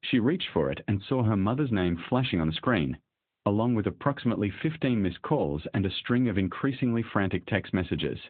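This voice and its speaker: A man narrating a scripted romance story in a steady, even way. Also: lowish voice, a little fast, breathy edge, no echo. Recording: dry, tinny phone-like sound.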